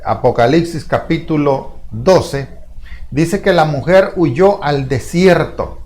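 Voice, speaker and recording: Slow, deliberate male preacher. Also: fairly high pitch, a little mellow. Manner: slow, deliberate preaching with repeated phrases and rhetorical questions. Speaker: pastor. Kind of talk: sermon.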